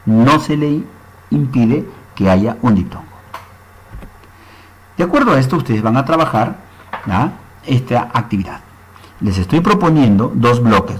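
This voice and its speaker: Male teacher, slightly husky tone, lively rising-and-falling delivery, patient step-by-step explanations. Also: mid-range voice, rough recording. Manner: explains step by step, often checks understanding with short tag questions. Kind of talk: recorded grammar lesson.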